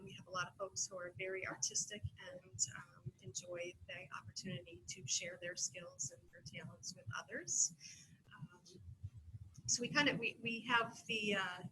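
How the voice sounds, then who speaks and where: A woman with a bright, forceful voice giving a panel presentation for a community center. She talks in a halting way, often stopping on fillers and restarting her sentences, with a faint hum behind her. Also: medium pitch, poor audio.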